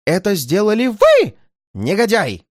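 A reader voicing a hot-tempered, frightened male hotel guest who shouts indignantly in a high, strained voice, in a storybook reading. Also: wildly swooping pitch, measured pace, no echo, studio quality. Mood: agitated.

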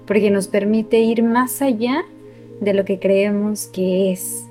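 Calm, thoughtful woman spiritual host. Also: mid-range voice, slow, faint music behind. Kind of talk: calm spiritual reflection on radio. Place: community radio studio.

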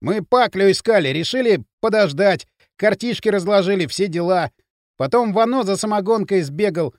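A man's voice: high voice, very animated, a little fast, no room sound, studio quality, pitched above the performer's own voice. A man voicing a frightened young male gang leader making excuses in a panic. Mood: scared.

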